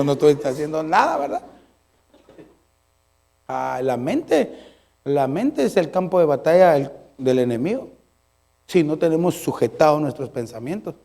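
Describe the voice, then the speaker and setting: A middle-aged male pastor, preaching a sermon with animated storytelling and humorous asides. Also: a little high, moderate pace, vocal fry, pauses often.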